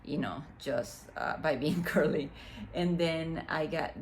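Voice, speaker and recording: In a room near a window that lets in faint street noise, a beauty vlogger chats casually through an unboxing with plenty of fillers. She's a mid-forties native Spanish speaker from the Dominican Republic with a Dominican accent, and she speaks slowly in a low-pitched voice.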